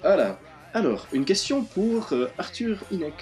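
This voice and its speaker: A man's voice: sits high, very animated, measured pace, darkish tone, soft background music. A young man, co-hosting a podcast and leading segments in a teasing casual chat. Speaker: podcast co-host.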